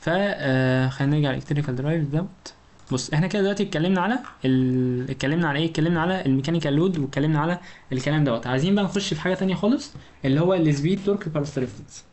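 A man with an Egyptian Arabic accent explains engineering material at a rapid clip, in a slightly high voice. He speaks straight to the student and keeps asking rhetorical questions to check that they follow. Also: darkish tone. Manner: informal, talks directly to the student. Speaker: engineering lecturer. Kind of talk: recorded lecture explanation.

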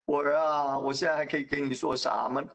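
A man voicing a shaken aged father, speaking in high, strained exclamations. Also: flat delivery, brisk, creaky, a bit bright. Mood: grave.

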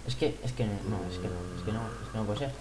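A man's voice: lowish voice, fast talker, a little mellow, a little hiss or hum. A man playing a game with a friend, panicky and exclamatory, often crying out and swearing. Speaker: gamer co-player. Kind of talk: casual gameplay commentary.

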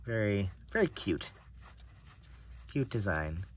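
This man speaks on the low side with big swings in pitch, taking his time. He's a card collector unboxing a deck at an indoor table, casually narrating and thinking aloud while he handles the cards.

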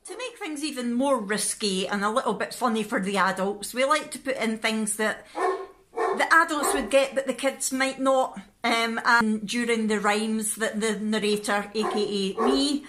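A Scottish vlogger in her thirties chats casually and animatedly to camera in a living room, recorded on a phone or camera held at arm's length. Her voice is on the high side at normal speed, and the background is noisy.

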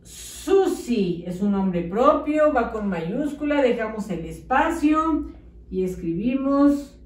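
Slow, patient Mexican teacher woman. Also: on the high side, lively intonation. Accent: Mexican Spanish. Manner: speaks slowly and clearly, drawing out words as she dictates; gently coaxing, praising children. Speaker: primary school teacher. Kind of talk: slow, patient early-literacy lesson. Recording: echoey room, voice a bit far from mic.

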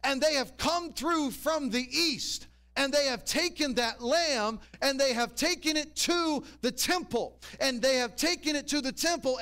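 A man's voice: very high voice, fairly bright tone. A man preaching a sermon in a church, walking the congregation through scripture and checking in with rhetorical questions. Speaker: pastor.

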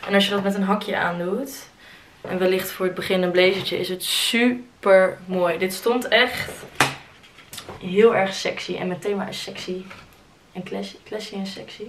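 Young woman vlogger, chatty and excitable, dropping in English phrases; faint background hiss, home bedroom, close camera. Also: mid-range voice, normal speed. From Netherlands. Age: 20s. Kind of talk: casual vlog chat. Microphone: handheld camera close up.

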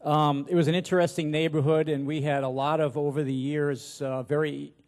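A man in his sixties preaches informally from a pulpit on stage in a large church auditorium, using a handheld microphone and a hesitant, folksy, self-deprecating manner. His voice sits on the high side with a darkish tone, flat delivery, and slightly fast pace.

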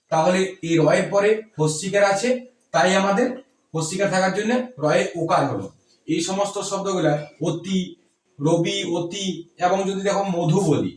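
A man teaching pronunciation rules, asking rhetorical questions and repeating words slowly. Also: high-pitched, far from the mic. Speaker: Bengali grammar teacher. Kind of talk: explaining pronunciation rules to students. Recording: echoey room, voice from off-mic.

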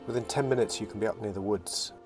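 A man narrating his sailing vlog in a relaxed, reflective voice-over, often restarting his phrases. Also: on the low side, fast. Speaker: sailing vlogger. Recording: voice-over with loud music behind.

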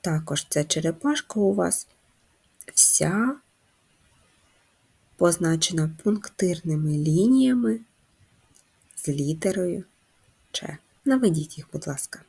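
A woman's voice: on the low side, lively intonation, gravelly, mellow, slightly rough. A woman teaching a first-grade handwriting lesson, patiently encouraging the children and guiding them step by step. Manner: slow sing-song chanting of a children's rhyme.

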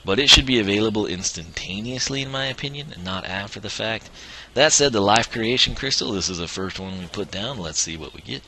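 With a noisy background behind him, this streamer talks briskly in a lowish voice with lively intonation. His voice is fading, yet he keeps up a rambling, chatty let's-play commentary, chuckling often as he plays.

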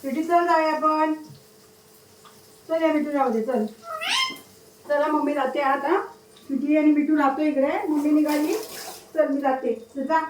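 A woman's voice: sits high, steady tone, measured pace, pauses often, distant mic. A woman at home, teasing and scolding her pet bird in a playful, doting way. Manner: scolding and teasing, baby-talk to pets. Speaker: pet owner talking to her parrot. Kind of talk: home vlog, chatting to a pet. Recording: echoey room, voice a bit off-mic, faint noise.

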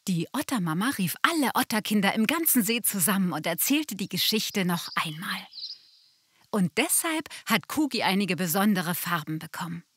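Gentle woman reading a children's story. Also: medium pitch, very animated, normal speed, husky. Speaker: storybook narrator. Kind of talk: scripted narration of a children's story.

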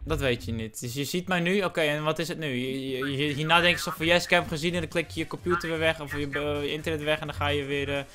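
A young man, a YouTuber, chatting with strangers on a webcam, teasing and playful with sudden loud bursts. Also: on the high side, fairly even intonation, fast, hardly any pauses. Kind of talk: casual video chat with strangers.

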